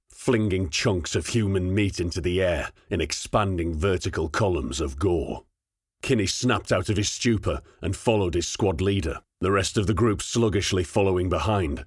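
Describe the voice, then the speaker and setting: Deep, husky male audiobook narrator. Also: dry recording, clean studio sound. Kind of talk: scripted narration.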